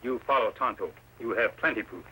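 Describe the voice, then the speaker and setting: Tonto, terse, piercingly bright-voiced loyal companion. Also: male voice, mid-range voice, fairly quick. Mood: insistent. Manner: terse, clipped broken English. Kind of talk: old-time radio western acting. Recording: tinny, faintly noisy old radio recording.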